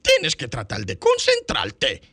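A man voicing a gruff, money-minded older male cartoon crab boss in a low, grumbling voice. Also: huge pitch swings, slow, sharp tone, no room sound, full character voice. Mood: scolding.

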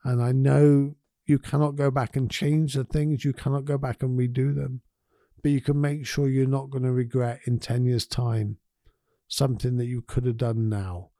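A man hosting a podcast, talking in an earnest, gentle and encouraging way about life's small moments. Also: medium pitch, little pitch movement, normal speed, creaky, no room sound, studio quality. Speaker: podcast host. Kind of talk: reflective motivational podcast talk.

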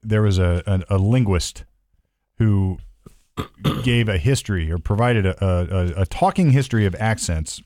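A man's voice: low voice, a little slow, warm tone, no echo, clean studio sound. A man co-hosting a casual talk show, musing and rambling as he explains things. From Ohio, USA. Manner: rambling, musing, self-correcting. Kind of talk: casual chat.

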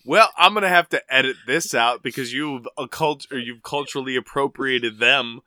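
A man's voice: mid-range voice, bright, forceful tone, dry recording. A man hosting a podcast, joking crudely and laughing with his friends in casual banter. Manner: crude, laughing, quick to joke. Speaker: podcast host.

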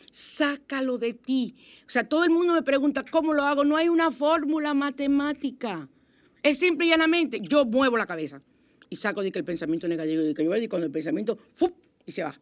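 A woman hosts a spiritual self-help radio program from the studio. Her voice sits at an ordinary middle pitch, and she talks in an animated, chatty way, breaking into sudden exclamations as she gives advice. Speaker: radio host.

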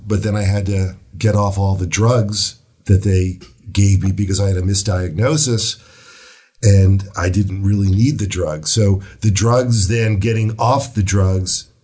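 A man with a deep, husky voice speaks as an author guest in a casual interview. He tells his story in a reflective, measured way, and his voice sits low and slightly rough. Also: darkish tone.

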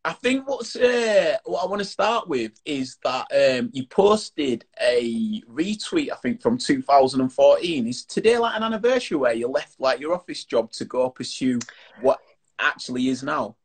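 A man's voice: medium pitch, very animated, moderate pace. A man with a Yorkshire accent hosting an informal live chat interview in a chatty, matey way. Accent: Yorkshire English. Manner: chatty, familiar, matey terms of endearment. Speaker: host of an online chat series.

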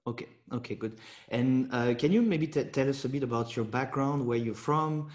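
A man hosting a podcast interview, asking halting questions full of fillers. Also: mid-range voice. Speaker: podcast host.

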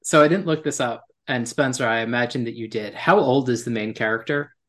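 A man's voice: medium pitch, brisk, a bit bright. A man chatting on a casual podcast in a teasing, joking way.

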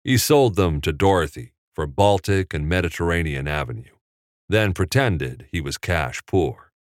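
A man narrating an audiobook in a measured, steady storytelling manner on a close studio mic. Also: sits low, no room sound.

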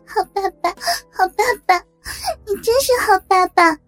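A woman's voice: fairly even intonation, mellow, soft background music. Xiaoling, a woman voicing a sobbing teen girl. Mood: eager pleading. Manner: high, sobbing, broken and halting speech. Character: tearful, pleading teenage girl, a devoted daughter.

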